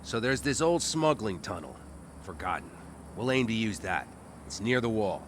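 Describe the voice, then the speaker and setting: A man playing a practical nomad in a video game, calmly explaining like a planner. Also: on the low side, normal speed, a little hiss or hum.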